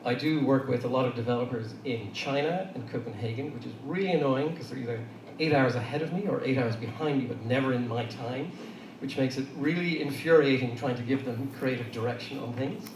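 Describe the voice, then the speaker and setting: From a distance in a noisy, echoing hall, a middle-aged Irish man on a panel chats with the audience in a mid-range voice, going a little fast. His talk is conversational and anecdotal, peppered with fillers.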